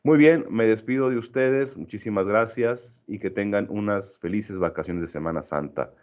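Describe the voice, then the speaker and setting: A man's voice: lowish voice, moderate pace, darkish tone. A middle-aged male teacher giving a recorded lesson, explaining patiently, checking in with his students and often correcting himself mid-sentence. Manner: frequent fillers and self-corrections. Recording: dull lo-fi recording.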